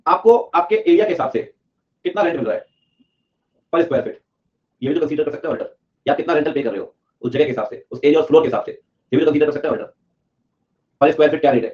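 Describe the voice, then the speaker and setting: A young man from Delhi teaching accounting in a lively lecture, acting out an auditor and a client in playful voices. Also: fairly high pitch, quick pace, pauses often. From Delhi, India. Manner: animated, acts out auditor and client in funny voices. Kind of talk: lively classroom lecture with acted skits. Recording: dull lo-fi recording.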